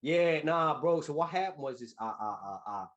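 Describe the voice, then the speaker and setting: A man's voice: on the high side, animated, normal speed, highs cut off, lightly acted. Man putting on a swaggering young tough guy. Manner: swaggering, threatening, slangy. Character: brash young American man on a phone call.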